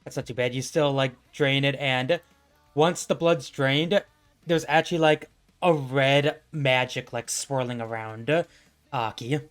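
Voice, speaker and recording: A man narrating as game master in a tabletop game, in loose, halting speech full of fillers. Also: mid-range voice.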